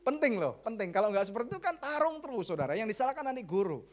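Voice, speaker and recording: Lively Indonesian man preaching a sermon. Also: high voice, rapid-fire. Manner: lively, conversational preaching with jokes and English phrases. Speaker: pastor.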